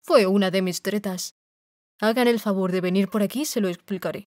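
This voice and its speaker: A woman's voice: medium pitch, fairly quick, darkish tone, no room sound, clean studio sound, lightly acted. A woman voicing a timid aging little man who poses as a great wizard, speaking meekly and shakily in an audiobook. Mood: explaining. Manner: shaky, meek.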